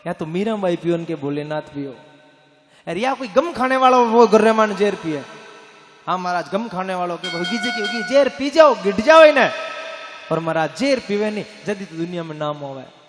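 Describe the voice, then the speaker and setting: A man with a Rajasthani accent telling a devotional story, alternating sung bhajans with animated preaching to a crowd. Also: sits high, normal speed. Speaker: religious storyteller. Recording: echoey hall with music.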